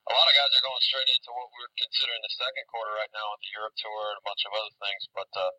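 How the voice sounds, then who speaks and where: Man, interviewer, poor-quality recording, very bright husky voice, off-mic. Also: medium pitch, very fast, recorded from a distance. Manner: relaxed, easygoing questions with fillers. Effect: poor-quality recorded audio. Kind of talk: casual interview.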